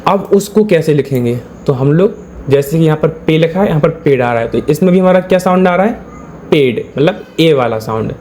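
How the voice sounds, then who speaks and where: A man teaching a lesson in a patient, step-by-step way, going back over each point and pausing to check that his students are with him. His voice sits a little high for a man. A faint hum of ambient noise runs behind him. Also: expressive, darkish tone. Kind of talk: step-by-step classroom explanation.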